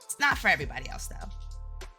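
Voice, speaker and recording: A woman's voice: deep voice, sing-song, over music. A woman co-hosting a casual chat show, talking in slangy, theatrical style with exaggerated emphasis. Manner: theatrical, exaggerated hype with drawn-out words. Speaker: podcast co-host.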